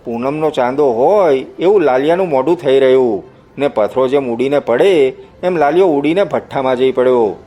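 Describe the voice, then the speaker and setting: A man's voice: mid-range voice, normal speed, warm tone. A man narrating an adventure novel as an audiobook, telling it in the first person in a vivid, dramatic way.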